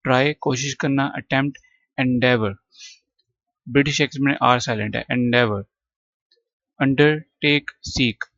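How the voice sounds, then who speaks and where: A man's voice: medium pitch, steady tone, normal speed, a bit bright, no room sound, highs cut off. A male teacher giving a patient vocabulary lesson, repeating words and drilling their pronunciation. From Pakistan. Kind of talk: classroom lesson explaining vocabulary.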